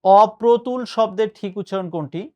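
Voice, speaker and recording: A man's voice: high-pitched, a little fast, darkish tone. A male tutor giving a patient spoken lesson, explaining and mixing in English words. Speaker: admission test tutor.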